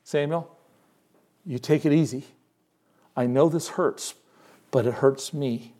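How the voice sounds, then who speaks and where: Man speaking as god, soft and reassuring, slightly high voice, sermon retelling. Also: takes it slowly. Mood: consoling. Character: gentle, consoling God speaking to a prophet.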